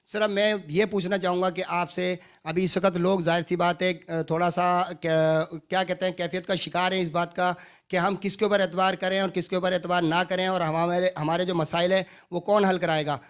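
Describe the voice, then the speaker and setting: A man presenting and interviewing for an online channel, formal with filler pauses, on location at a busy party office. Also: sits high, flat delivery, clean tone.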